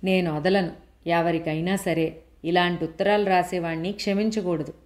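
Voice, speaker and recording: A woman's voice: fairly low pitch, steady tone, normal speed, close to an everyday voice. A woman voicing a fiery middle-aged woman who hates men, talking sharply and indignantly in a raised voice. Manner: sharp, indignant, shouting accusations.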